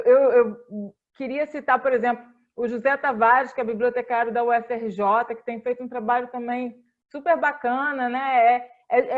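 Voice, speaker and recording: A Brazilian woman librarian moderates an online panel in a high-pitched voice with the highs cut off. She speaks earnestly with a Brazilian Portuguese accent, often tagging sentences with questions and repeating "né?"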